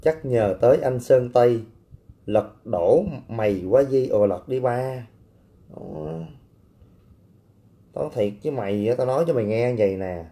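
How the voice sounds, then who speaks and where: Brash male livestream host, mellow warm tone, teasing and coarse. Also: mid-range voice, unhurried, pauses often. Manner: brash, teasing, coarse banter with blunt street slang. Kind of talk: casual livestream chat reading viewer comments.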